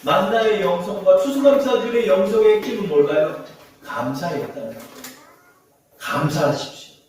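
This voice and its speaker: A man's voice: sits high, lively intonation, normal speed, a little mellow, a little hiss or hum. A male pastor preaching a sermon in a church, emphatic and full of rhetorical questions to the congregation. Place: church sanctuary. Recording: very echoey church hall, far from mic.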